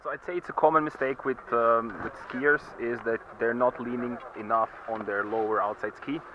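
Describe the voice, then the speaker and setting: A man's voice: mid-range voice, steady tone, normal speed. A man working as a ski instructor, explaining technique outdoors. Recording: muffled outdoor recording with background noise.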